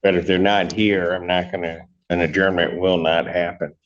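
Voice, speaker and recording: A man presiding as judge, giving brisk, matter-of-fact rulings, heard through a courtroom audio recording. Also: low voice, little pitch movement, muffled recording, slight background noise. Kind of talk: presiding over court hearings.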